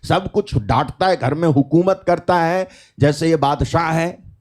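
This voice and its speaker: A male preacher with a fairly high-pitched voice delivers a live sermon. He talks emphatically, firing off rhetorical questions and breaking in with calls of hallelujah. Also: unhurried, a little mellow. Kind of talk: live online prayer meeting.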